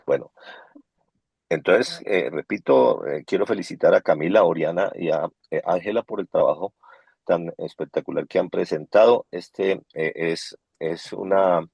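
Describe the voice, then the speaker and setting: A man's voice: low-pitched, measured pace, creaky, darkish tone, slightly rough, no room sound, lo-fi sound. Man on a choppy, crackly call line. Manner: hesitant, many fillers and restarts. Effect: crackly, choppy remote call line that keeps breaking up. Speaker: doctor commenting on a presentation. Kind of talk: formal remarks over a video call. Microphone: remote call.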